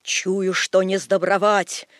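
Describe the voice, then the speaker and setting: A man voicing a boastful fairground actor playing an emperor, declaiming loudly in a high, carrying voice. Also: little pitch movement, takes it slowly, no echo, clean studio sound. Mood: swaggering. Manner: loud, declamatory, boastful stage shouting.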